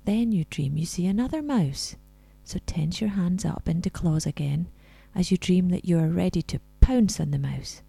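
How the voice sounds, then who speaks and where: A woman narrates a guided relaxation in a soft, soothing voice close to a whisper. Her tone is very dark and gentle, with a breathy, creaky edge. The recording is dry and close. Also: on the low side, moderate pace, few pauses, no room sound. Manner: soft, soothing spa-like delivery, breathy and near whisper at times. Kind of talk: scripted guided relaxation meditation.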